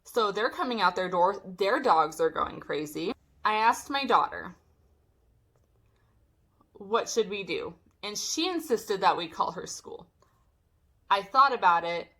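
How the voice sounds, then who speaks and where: A young woman vlogger telling a storytime, animated and swearing as she acts out what people said. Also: mid-range voice, a little slow. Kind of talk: storytime vlog.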